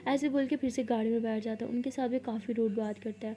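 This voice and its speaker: Mellow-voiced woman telling a story. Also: fairly high pitch, steady tone. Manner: conversational, loosely paced retelling. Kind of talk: casual storytelling narration.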